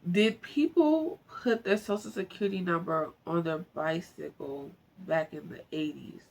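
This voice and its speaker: She reads aloud at a measured pace in a low, gravelly, slightly mellow voice, an amateur narrator tackling a book informally. Words trip her up, and she pauses to muse to herself in a chatty way. Background noise is faint.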